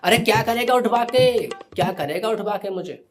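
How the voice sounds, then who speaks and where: A man's voice: high-pitched, moderate pace, close to an everyday voice. A man playing a short-tempered, exasperated male schoolteacher who rants and scolds, in a comedy sketch with tabla music behind him. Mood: ranting.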